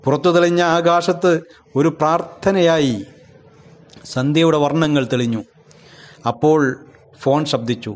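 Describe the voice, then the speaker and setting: A man reading a literary short story aloud in an unhurried narrating voice, with small self-corrections. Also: a little high.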